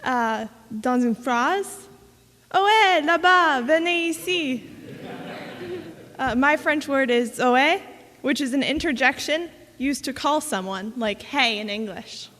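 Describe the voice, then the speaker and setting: A woman's voice: a little high, slow pace, few pauses, fairly bright tone, a little hiss or hum. A woman, a student presenter, reading a prepared word presentation with some hesitation. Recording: long hall reverb, faint crowd.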